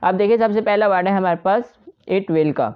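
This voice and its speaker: A woman's voice: medium pitch, moderate pace, clean tone, lo-fi sound. A woman teaching shorthand step by step, patiently repeating each point to her students. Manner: patient, repetitive explaining to students. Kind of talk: step-by-step tutorial.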